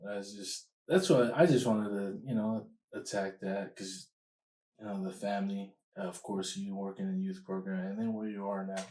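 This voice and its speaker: Male podcast host, slightly low voice, relaxed laughing storyteller, echoey room. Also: moderate pace. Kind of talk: casual chat.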